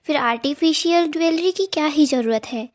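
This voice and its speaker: A woman's voice: high voice, normal speed, natural voice. A woman reading the lines of a resentful young woman who feels left out, in a drama recap. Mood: bitter. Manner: bitter, sulky.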